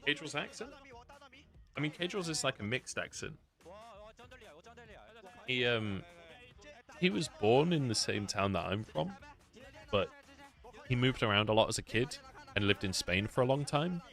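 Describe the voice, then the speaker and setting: A man's voice: medium pitch, lively intonation, measured pace, pauses often, a bit bright, soft background music. A British man, an esports caster, chatting casually on a stream, swearing freely and answering viewers' questions. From United Kingdom.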